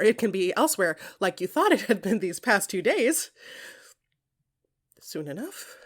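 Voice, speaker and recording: A podcast creator reads her own scripted second-person fiction in an intimate, dramatic style. Her medium-pitched voice is breathy, often sinking into whispers and deliberate short phrases.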